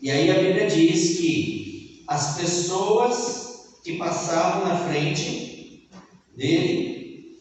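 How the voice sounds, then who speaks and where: High-voiced preacher in an echoey hall. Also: male voice, extremely slow, long pauses, a little mellow. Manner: reads scripture then explains it, acting out mocking crowds; addresses the congregation with questions. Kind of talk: sermon. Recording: echoey hall, distant mic, faint noise.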